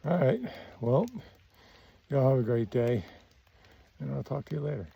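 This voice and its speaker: A man's voice: mid-range voice, moderate pace, creaky, breathy edge, no echo, lo-fi sound. A man, casually narrating his hiking vlog outdoors on the trail, easygoing and plainspoken with frequent ums. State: out of breath. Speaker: hiking vlogger.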